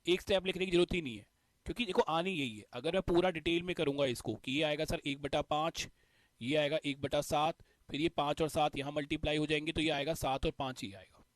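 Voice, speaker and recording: A man's voice: a little high, brisk, dry recording. A male teacher explaining a math concept step by step, repeating the key points. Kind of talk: exam-prep math lesson.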